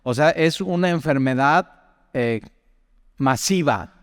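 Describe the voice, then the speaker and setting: A young man delivers a casual, conversational sermon with a smooth, resonant voice. He tells personal stories and keeps asking the listener questions. The mic is close and dry, with a long reverb tail behind it. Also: fairly high pitch, lively intonation, slow. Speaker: preacher.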